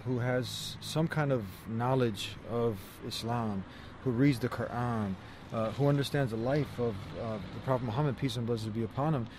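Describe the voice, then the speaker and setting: An earnest man speaks as a vlogging preacher, in a mid-pitched voice over faint street noise. His phrasing is informal and often repeats itself as he makes his point. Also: moderate pace, hardly any pauses. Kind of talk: casual vlog talk with religious preaching. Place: outdoors outside a church in town.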